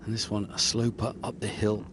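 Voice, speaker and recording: Low-voiced man commentating on golf. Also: flat delivery, moderate pace, noisy background.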